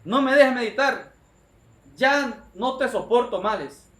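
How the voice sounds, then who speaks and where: A man's voice: high voice, unhurried, a bit bright, far from the mic. A male preacher voicing an angry, greedy man who scolds his barking dog in irritated outbursts. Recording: echoey room.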